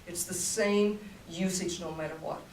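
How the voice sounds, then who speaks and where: During a voice masterclass talk, an older female voice teacher coaches and demonstrates technique, speaking in bursts. Her lowish voice is a little mellow, with fairly even intonation at a moderate pace. She's heard from a distance in a room, with a roomy sound and a faint hum.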